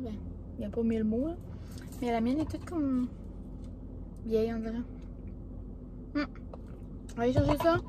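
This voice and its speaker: Recorded at a café and later at home amid background noise, this fairly high-voiced young Québécoise vlogger talks loosely to the camera, her casual chatter padded with fillers.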